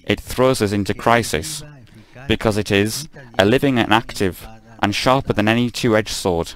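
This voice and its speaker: A man with a lowish voice delivers a live spoken translation of a homily at a measured pace. He stumbles often and keeps correcting himself.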